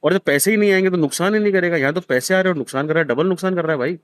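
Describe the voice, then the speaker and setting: A man's voice: high-pitched, racing, clear, resonant tone, dry recording. A man in his thirties, hosting, gives a blunt, profane scolding to a gambler in a harsh heart-to-heart lecture. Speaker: host counseling a gambler.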